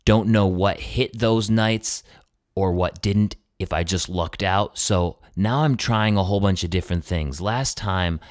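A man's voice: deep voice, unhurried, dry recording, studio quality. A male singer-songwriter talking in a casual solo monologue, easygoing and chatty. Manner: easygoing, chatty self-promotion.

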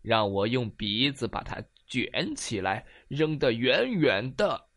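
A man doing a calm storybook elephant, slow, reassuring, drawn out. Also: mid-range voice, no echo, clean studio sound, full character voice.

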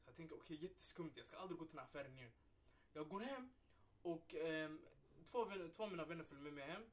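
A young man co-hosting a podcast, chatting casually and telling an animated story full of street slang and swearing. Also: a little high. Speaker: podcast co-host. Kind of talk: casual chat. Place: podcast recording room.

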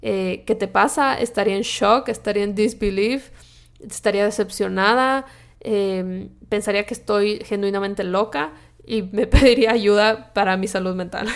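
A woman's voice: mid-range voice, normal speed. A young woman, a health coach, talking casually and reflectively to her followers, often voicing her own inner thoughts. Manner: chatty and reflective, with many fillers and self-quoted inner voices. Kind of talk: casual personal vlog.

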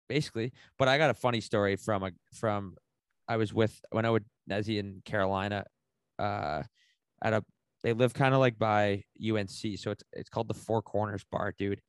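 A man co-hosting a casual podcast, telling a rambling, animated story full of slang and swearing. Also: fairly low pitch, normal speed, dry recording. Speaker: podcast co-host.

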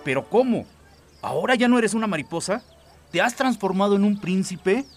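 Man acting a high-pitched, blustering emperor. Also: animated, moderate pace, soft background music. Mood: baffled, indignant. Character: blustering, bossy Japanese emperor, indignant father. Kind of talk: children's audio story acting.

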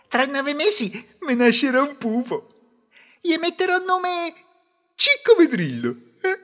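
A man's voice: extremely high pitch, big pitch swings, measured pace, pushed and bright, voice pushed up, full character voice. A man voicing a silly, overwrought young bride who wails and sobs in lament. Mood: wailing lament. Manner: wailing, sobbing lament. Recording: dull lo-fi recording.

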